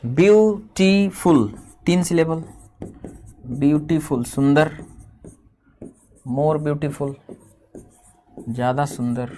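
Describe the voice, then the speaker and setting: Slow, patient man teaching grammar. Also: fairly high pitch, warm tone, slight background noise. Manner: explains step by step, slows and drags out example words. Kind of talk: grammar lesson.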